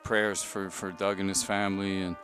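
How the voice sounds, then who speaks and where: A middle-aged male head coach answers postgame questions, pausing often and leaning on fillers. Loud music plays behind him the whole time. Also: low-pitched, flat delivery, rough recording. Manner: halting, with frequent "uh" and "you know". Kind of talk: postgame interview.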